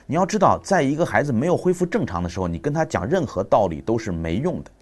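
A man's voice: medium pitch, big pitch swings, fast, a little mellow. A man in his thirties giving a public talk on parenting, telling family stories and acting out the dialogue. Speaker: parenting speaker.

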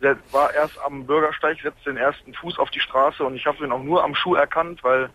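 A man in his twenties calls in from a truck cab on a hands-free speakerphone, telling his story calmly and haltingly. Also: a little high. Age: 20s. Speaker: caller. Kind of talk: late-night radio phone-in call. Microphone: car hands-free speakerphone. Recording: tinny phone line, faint road noise.

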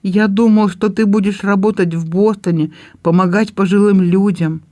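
A man's voice: high voice, fairly even intonation, moderate pace, dark tone, voice pushed up, lightly acted. A man playing a shy young suitor. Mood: tender. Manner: tender, hesitant, trembling. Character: hesitant young man in love.

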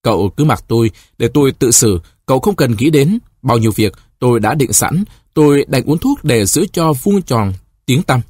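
A man's voice: medium pitch, animated, moderate pace, hardly any pauses, darkish tone, no echo, studio quality. A man putting on a desperate young woman. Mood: bitter. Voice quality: husky, pleading. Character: distraught pregnant young woman of eighteen.

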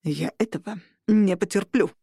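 A man's voice: high voice, normal speed, gravelly, warm tone, slightly rough, dry recording, clean studio sound, full character voice. A woman voicing a stern male war priest who scolds the others. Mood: indignant. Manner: stern, indignant.

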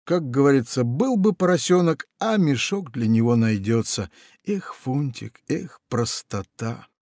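A man narrating a children's tale for an audiobook, in a playful, expressive storytelling manner. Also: medium pitch, measured pace, dry recording, studio quality.

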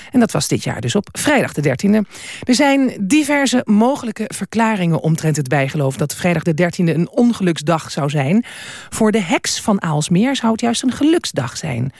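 A radio presenter reading calm, informative links between archive fragments. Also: mid-range voice, vocal fry, no room sound, clean studio sound.

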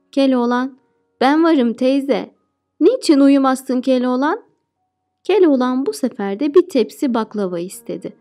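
A woman teacher narrating a folk tale audiobook in a steady, clear reading voice. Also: on the high side. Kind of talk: storybook narration.

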